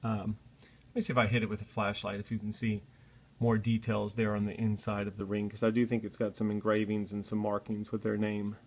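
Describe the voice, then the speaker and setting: A man talks through a casual unboxing in a slightly low voice. He chats along in an easygoing, apologetic way and fills his pauses with "uh" and "um.". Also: monotone, darkish tone. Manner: chatty and apologetic, with frequent "uh" fillers. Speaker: product reviewer.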